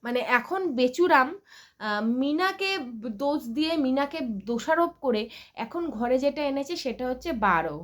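High-voiced woman ranting blunt vlog commentary. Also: lively intonation, normal speed, a bit bright. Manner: blunt, scornful ranting with crude insults; chatty, many fillers and check-ins. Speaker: vlogger.

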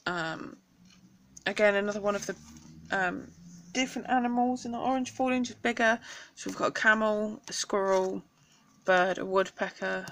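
A woman's voice: medium pitch, creaky, fairly bright tone, slight background noise. Chatty young British woman showing a craft haul. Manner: chatty and enthusiastic, with frequent ums. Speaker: craft vlogger. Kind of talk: casual craft haul show-and-tell.

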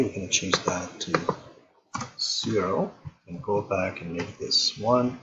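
A man calmly explaining software settings step by step, thinking aloud as he goes, in a tutorial voice-over. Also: low voice, lo-fi sound. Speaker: instructor.

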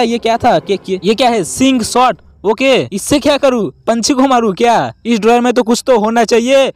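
A young man giving excitable gameplay commentary, talking straight to viewers with lots of exclamations. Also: extremely high pitch, no room sound. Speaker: gaming YouTuber.

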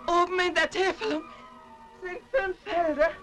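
A woman's voice: very high voice, steady tone, moderate pace, fairly bright tone, soft background music. A woman playing a trapped, frightened middle-aged lady in a dubbed vintage thriller, wheezy and short of breath. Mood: desperate, suffocating.

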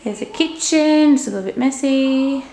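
This vlogger is a young Australian woman in her twenties, chatting informally to camera at home with hesitant, stop-start speech and a slight stutter. Her high voice is warm at a normal speed, but the audio is poor and reverberant, with clear background noise from the home camera.

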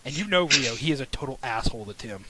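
A man narrating as game master in a casual, halting, playful way. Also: mid-range voice, expressive, heavy background noise.

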